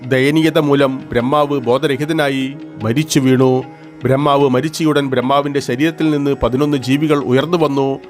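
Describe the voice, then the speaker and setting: A man's voice: medium pitch, fairly even intonation, normal speed. Male narrator, scripted storytelling, mid-range voice, faint music bed.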